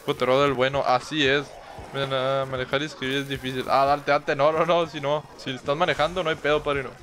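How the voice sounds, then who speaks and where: A man's voice: medium pitch, little pitch movement, fairly quick, a bit bright, slight background noise. A young man in his twenties with a Mexican accent, a streamer telling rambling stories in casual, profane slang to his chat. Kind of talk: casual storytelling to a live chat.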